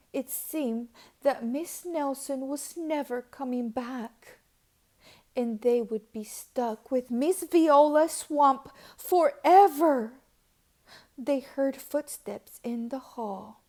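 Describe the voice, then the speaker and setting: A woman with a high voice reads a picture book aloud to children. She takes it very slowly, stretching words out with dramatic, deliberate expression. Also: mellow. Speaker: read-aloud storyteller.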